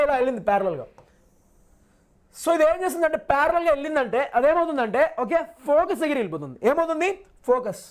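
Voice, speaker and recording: A male physics teacher in a live online class who reassures his students, repeats every point and asks and answers his own questions. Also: extremely high pitch.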